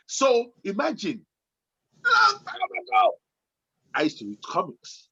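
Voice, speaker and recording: A man in his late forties talks in a casual chat, his voice high, bright and a bit husky, with a lot of swing in its pitch. He bounces between loud excited bursts and quieter, slower reflection. The recording sounds dull and lo-fi. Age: 40s. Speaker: podcast co-host.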